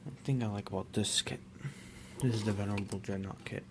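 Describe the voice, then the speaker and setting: A young man casually talking through his hobby work, rambling and relaxed with many fillers and restarts. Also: on the low side, a little fast, noisy background. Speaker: miniature painter.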